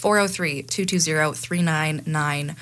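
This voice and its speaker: With a low-pitched, slightly bright voice, a young woman co-hosting in the studio keeps the radio chat and announcements casual. She sounds chatty and upbeat, tossing off quick, laughing asides into a studio microphone.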